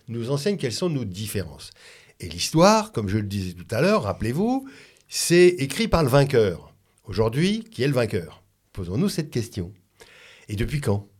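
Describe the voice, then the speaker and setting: A man born in France speaks as a radio guest, in a reflective way that often stalls and restarts mid-sentence. His pitch sits in the middle of the range. He keeps building his points with repeated words. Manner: reflective, halting with many restarts. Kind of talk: conversational radio talk.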